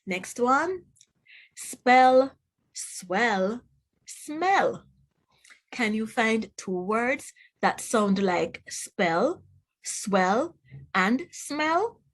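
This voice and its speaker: Drawing out her words in a slightly high, very animated voice, a woman with a Jamaican accent plays teacher for children. She enunciates clearly during the phonics read-aloud and keeps asking the listener questions.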